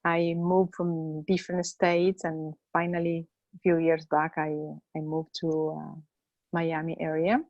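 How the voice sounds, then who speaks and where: Middle-aged counselor from Argentina, woman, low-pitched and unhurried, close dry recording. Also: level tone, a little mellow, dry recording, dull audio. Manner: slow, hesitant, many fillers. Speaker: holistic counselor. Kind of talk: interview answers.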